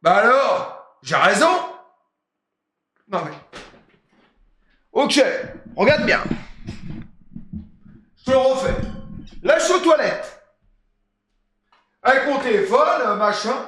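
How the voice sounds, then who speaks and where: Male live streamer, high voice that leaps around, joking, loud outbursts. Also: lively intonation, takes it slowly, pauses often, slight background noise. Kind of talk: casual live-stream chat.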